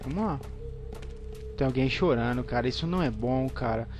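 A Brazilian man streams a horror game, speaking nervously as he narrates each step in the dark. He is a scared player at an ordinary male pitch, close on a headset mic, with music behind him. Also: moderate pace. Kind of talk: live gameplay commentary. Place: indoor room at home.

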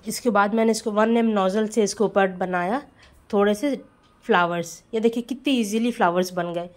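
A woman's voice: medium pitch, moderate pace. Chatty woman baker narrating a tutorial. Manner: chatty, friendly, addresses viewers as friends. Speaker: home baker teaching cake decorating. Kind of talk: casual voice-over tutorial.

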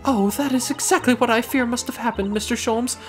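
A man's voice: very high voice, brisk, over music, voice pushed up. A man voicing an anxious, genteel Victorian wife in a game, flustered and polite.

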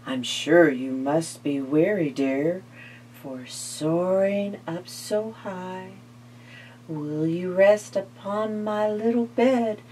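A woman voicing a cunning male spider in a read-aloud storybook, coaxing in a slow, honeyed way. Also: on the low side, dark tone, a little hiss or hum. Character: cunning male spider, smooth sweet-talker.

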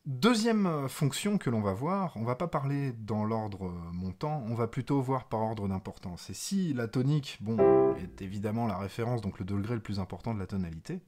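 A man teaching music theory in a lively, emphatic way, with playful asides, as he plays examples on the piano. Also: lowish voice, moderate pace, hardly any pauses. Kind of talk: explanatory video lesson. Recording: piano playing alongside the voice.

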